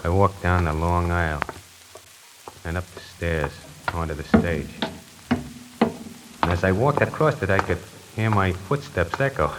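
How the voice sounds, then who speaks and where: Against a noisy background and a music score, a deep-voiced man takes his time and pauses often. He is the lead and narrator of a 1940s radio drama, acting as a brash, fast-talking salesman recounting his own story in a wisecracking, conversational way.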